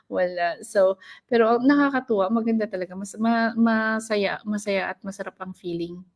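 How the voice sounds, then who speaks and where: A woman's voice: medium pitch, moderate pace, gravelly. A woman chatting casually and playfully, mixing Tagalog and English. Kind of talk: casual chat.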